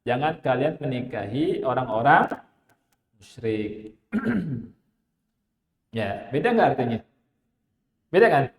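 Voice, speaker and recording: A man from Indonesia giving an Arabic grammar lesson, talking slowly and conversationally and often asking his listeners rhetorical questions. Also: mid-range voice, lively intonation. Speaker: Islamic teacher. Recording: echoey hall.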